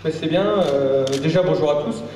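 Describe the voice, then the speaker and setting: A man, a boxer, answering press conference questions in a hesitant, measured, earnest way. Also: on the high side, darkish tone. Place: echoey press conference room. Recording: echoey hall, distant mic, faint noise.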